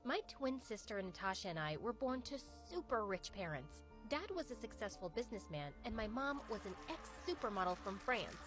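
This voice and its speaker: Lively young woman telling a story. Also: medium pitch, moderate pace, few pauses, music in the background. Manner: animated and gossipy. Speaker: storyteller narrator. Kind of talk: scripted first-person story narration.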